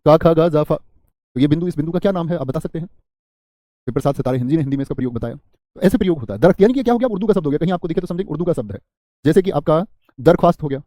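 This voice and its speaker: A man with a warm voice on the high side teaches a live exam-prep grammar class, repeating word lists and quizzing students. He answers their chat comments with small jokes. The studio-quality sound has no echo.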